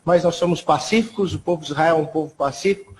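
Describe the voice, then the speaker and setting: Male guest historian from São Paulo, fairly high voice, soft measured explainer. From São Paulo, Brazil. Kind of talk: TV interview guest. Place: TV studio.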